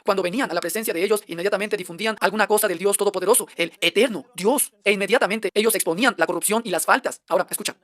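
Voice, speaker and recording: Fast, dry-voiced man preaching a sermon. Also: high voice, a bit bright, no room sound. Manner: emphatic, fires off rhetorical questions. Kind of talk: translated sermon.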